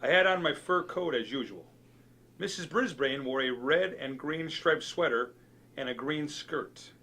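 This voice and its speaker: A man reading a children's novel aloud with lively, expressive storytelling. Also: medium pitch, a little slow. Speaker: reader.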